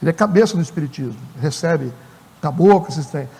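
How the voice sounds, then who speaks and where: A man's voice: on the high side, lively intonation, fairly quick, vocal fry, dark tone, breathy edge, long reverb tail. A man with a Brazilian accent preaching a conversational sermon as pastor. He talks animatedly and acts out little dialogues with different people. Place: church.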